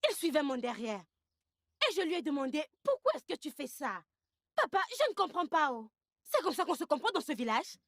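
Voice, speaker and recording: This is a hot-tempered young village woman. Her voice is high and very lively, swinging up and down. The recording is dry and close. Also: a little fast, no echo. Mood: indignant. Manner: outraged, bold. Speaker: dubbed film actor.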